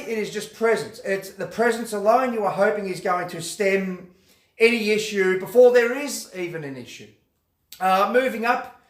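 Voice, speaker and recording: A man's voice: high-pitched, roomy sound. A man, a security instructor, explaining self-defence steps in a casual, conversational way, full of fillers and acted example phrases. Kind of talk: explanatory talk to camera.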